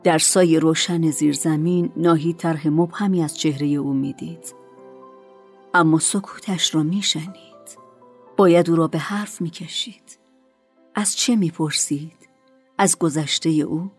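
Low-voiced woman narrating a drama. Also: steady tone, breathy edge, soft background music. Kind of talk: scripted story narration.

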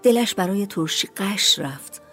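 A woman narrating a storybook in a calm, measured reading voice. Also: medium pitch, soft background music.

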